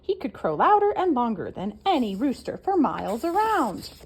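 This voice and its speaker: A woman reading a children's picture book aloud, expressive and animated. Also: moderate pace, a little hiss or hum. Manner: expressive, with wide swings in pitch. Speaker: storybook reader.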